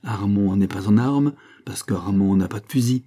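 A man's voice: lowish voice, dark tone, breathy edge. A man reading the part of a boastful but timid young villager in an audiobook, his voice raised a little above his narration. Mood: evasive. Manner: boastful yet nervous, quick to back down.

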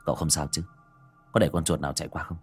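A man voicing a brash, capable young male exorcist in an audiobook, with brisk, terse delivery. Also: extremely low pitch, flat delivery, slightly rough, faint music behind, voice pushed down. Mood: teasing. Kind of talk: audiobook character acting.

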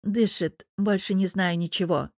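A woman's voice: medium pitch, fairly even intonation, a little slow, darkish tone, no room sound. A woman reading an audiobook and voicing a fierce, determined young woman who is close to tears, in a tense, clipped manner. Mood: anxious urgency.

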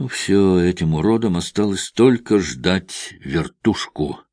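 A man reading a thriller audiobook aloud in a measured, tense narrating style. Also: deep voice, lively intonation, a little mellow, no room sound, clean studio sound. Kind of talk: dramatic scripted narration.

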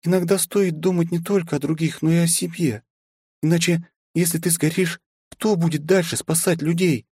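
A young noblewoman speaks high and firm, used to being obeyed yet warm underneath, as a man puts her on. The audiobook voice sits close and dry, with no room around it. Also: fairly even intonation, moderate pace, husky, dry recording. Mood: earnest. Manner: high falsetto, firm and imperious. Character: young noblewoman, kind but commanding. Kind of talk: audiobook character voice.

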